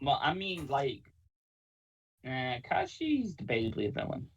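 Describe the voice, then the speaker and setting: A man's voice: medium pitch, wildly swooping pitch, unhurried, breathy edge, muffled recording. A man hosting a casual podcast chat, easygoing and upbeat as he asks questions and makes recommendations. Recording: distant from the mic.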